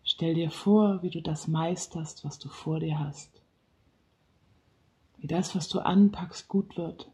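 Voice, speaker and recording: A relaxation guide speaking softly and slowly, sometimes dropping into a whisper, leading a guided relaxation. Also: medium pitch, rough recording. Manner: slow, soft-spoken, partly whispered.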